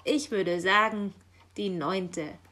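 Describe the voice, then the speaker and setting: A woman voicing a weary, grumpy male raven postman who ends his lines with a croak, in a children's audio story. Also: mid-range voice, takes it slowly, bright, forceful tone. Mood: grumbling. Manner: exasperated, croaks "Kra".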